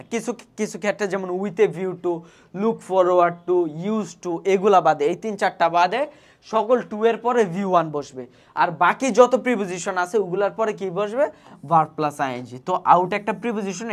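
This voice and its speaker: A woman's voice: medium pitch, lively intonation, normal speed. A Bangladeshi woman with a Bengali accent tutoring students for an admission exam, explaining step by step and often checking they follow. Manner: explains step by step, often asks "ঠিক আছে?"; spells words out syllable by syllable. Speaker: admission test English tutor. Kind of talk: exam prep lesson.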